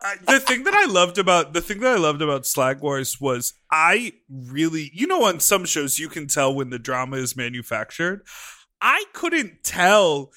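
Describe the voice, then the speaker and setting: A man's voice: a little high, very animated, moderate pace, bright, forceful tone, dry recording. A man hosting a casual chat. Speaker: podcast host.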